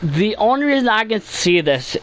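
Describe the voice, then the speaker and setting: A man's voice: high voice, sing-song, normal speed, fairly bright tone. A man chatting casually on a live game stream, rambling and repeating himself while his headset microphone keeps cutting out with crackle.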